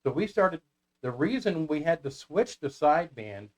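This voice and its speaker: Very animated, with a fairly high pitch and a darkish tone, an American man speaks at a moderate pace as an interview guest. He founded a CB radio club and shares anecdotes in a casual, conversational manner.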